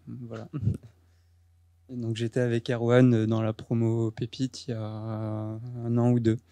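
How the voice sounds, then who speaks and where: A young man presenting his project in a slow, halting way. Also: mid-range voice, monotone, mellow, no echo. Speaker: former program participant. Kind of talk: short project pitch.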